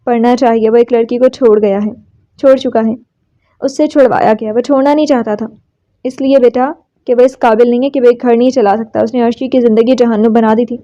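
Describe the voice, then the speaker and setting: A woman's voice: on the high side, fairly even intonation, mellow, lightly acted. A woman voicing a stern middle-aged mother who scolds in an audiobook novel. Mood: scolding. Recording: slightly dull lo-fi recording.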